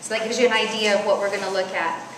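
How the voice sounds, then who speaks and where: Loud storytelling woman in an echoey hall. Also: medium pitch, fairly even intonation, quick pace. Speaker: conference speaker. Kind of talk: storytelling sermon. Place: large hall at a church retreat. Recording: echoey hall, faint noise.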